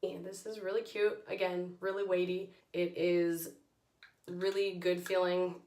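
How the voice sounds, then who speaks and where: A hoarse woman with her voice nearly gone, giving a chatty, informal product review as a beauty vlogger. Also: fairly low pitch, level tone, measured pace, a little mellow. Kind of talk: casual product review to camera. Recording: echoey room.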